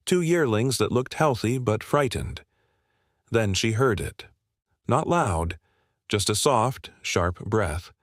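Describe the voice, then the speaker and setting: A man reading a heartfelt animal story aloud in a measured, steady storytelling manner. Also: lowish voice, no echo, clean studio sound. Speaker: narrator. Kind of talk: scripted story narration.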